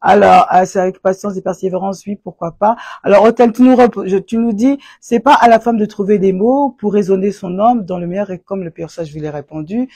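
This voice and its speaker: A woman hosting a live stream, speaking in a preachy, impassioned way about faith and couples, bursting into loud exclamations. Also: mid-range voice, fairly quick, few pauses, husky. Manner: preachy, rises to loud exclamations and repeats "aïe". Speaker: live stream host answering viewer comments.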